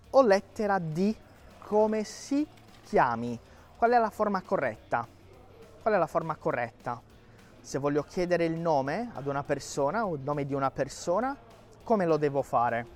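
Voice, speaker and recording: Slow, lively-voiced Brazilian language teacher. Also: male voice, fairly high pitch. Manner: drills words, repeats slowly, checks in with "mm?". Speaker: Italian teacher. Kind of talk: live walking lesson. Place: walking outdoors in a historic city centre.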